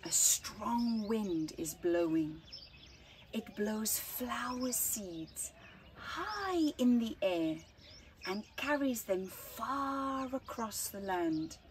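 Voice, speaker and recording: Very slow-paced woman reading a storybook. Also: medium pitch, lively intonation, a little hiss or hum. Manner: deliberate phrasing with dramatic emphasis and hushed words. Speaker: storytime reader. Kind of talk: children's picture-book read-aloud. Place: outdoors at a flower farm. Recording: outdoor ambience with birdsong.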